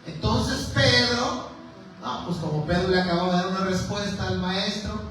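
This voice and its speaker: A man with a Mexican accent preaching a sermon in a church hall, animated and conversational, leading the congregation in call-and-response. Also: high-pitched, moderate pace. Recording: echoey hall, distant mic, background noise.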